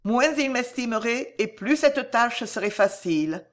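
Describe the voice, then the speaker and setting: A woman's voice: fairly high pitch, lively intonation, a little slow. A woman reading an audiobook and voicing a virtuous, emotional young woman who speaks earnestly and with restraint. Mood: brooding. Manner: earnest and restrained, then brooding.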